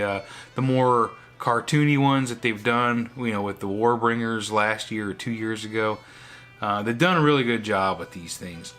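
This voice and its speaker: Bright-voiced older man reacting casually. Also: medium pitch. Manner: rambling, thinking aloud. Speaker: reaction video host. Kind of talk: casual off-the-cuff reaction commentary.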